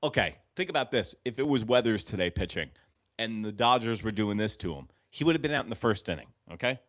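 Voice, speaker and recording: A man in his forties from New York hosting a live fan reaction stream, calling pitches and drifting into rambling, profane stories, swinging between muttering and shouting. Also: lively intonation, fast talker. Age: 40s. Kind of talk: live game-reaction commentary.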